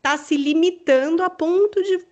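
A Brazilian woman co-hosting a relationship podcast, chatting in a lively way with laughs and personal anecdotes. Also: extremely high pitch, normal speed, dull audio. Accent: Brazilian Portuguese. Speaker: presenter co-host. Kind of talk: podcast conversation.

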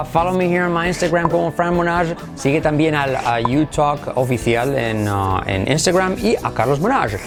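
A man with a Spain Spanish accent teaching English pronunciation in Spanish, stretching out each English word as a model, then rattling through his Spanish explanations. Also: on the high side. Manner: slows right down to model English words, then chatters fast in Spanish. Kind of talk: Spanish-language English lesson.

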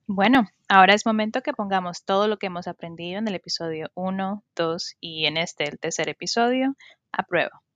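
A woman, teaching an English lesson on a podcast in a slow, careful way and modeling the words for learners. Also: medium pitch, fairly bright tone, muffled recording. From Colombia. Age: 20s.

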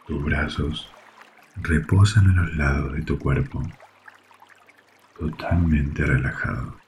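A man with a Rioplatense Spanish accent leads a guided sleep meditation in a soft, soothing, hushed delivery with long pauses. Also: very deep voice, a little hiss or hum. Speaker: yoga nidra guide. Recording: faint water ambience behind voice. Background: trickling water sounds.

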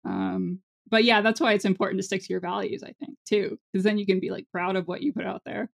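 A woman co-hosting a podcast in casual conversation, with a creaky vocal fry and an informal, self-interrupting way of talking. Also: medium pitch, fairly even intonation, quick pace. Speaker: podcast co-host.

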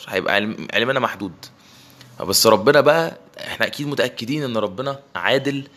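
A man's voice: medium pitch, a bit bright. A young man with an Egyptian accent giving a casual reflective monologue, mixing in English phrases and often restarting his words. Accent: Egyptian Arabic. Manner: rapid, mixes English phrases, frequent restarts.

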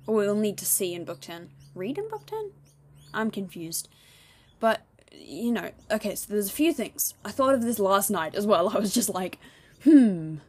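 A young woman hosting a casual solo podcast, rambling and chatty, talking fast and laughing often. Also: medium pitch, dry recording. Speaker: podcast host.

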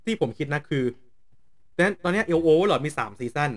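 A man's voice: a little high, animated, normal speed. A man co-hosting a casual anime chat, teasing and throwing in short interjections.

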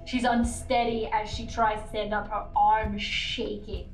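A woman's voice: medium pitch, level tone, measured pace, soft background music. A woman narrating a tabletop game as game master, describing the scene in vivid detail. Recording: roomy echo.

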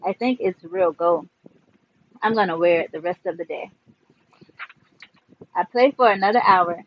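A man's voice: sits high, measured pace, highs cut off. A man reading a novel aloud to his listeners, chapter by chapter, with casual asides. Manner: warm sign-off, casual asides. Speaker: book reader.

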